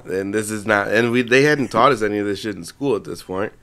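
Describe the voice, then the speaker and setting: A man's voice: fairly low pitch, brisk, pushed and bright. A young man, congested, co-hosting a podcast in casual, rambling chat full of swearing and restarts. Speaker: podcast co-host.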